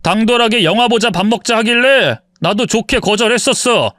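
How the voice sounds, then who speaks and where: A man's voice: high-pitched, animated, moderate pace, bright, forceful tone, dry recording, clean studio sound. A man voicing an arrogant husband in his forties who mocks his wife and justifies his cheating. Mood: scornful. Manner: contemptuous, mocking, self-justifying. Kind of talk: dramatized story reading.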